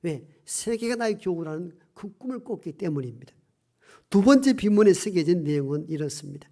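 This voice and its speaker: A middle-aged male pastor preaching a Sunday sermon in a church. He moves between raised emphatic phrases and hushed, almost whispered lines, and slows down to stress key words. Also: high voice, lively intonation. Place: church sanctuary.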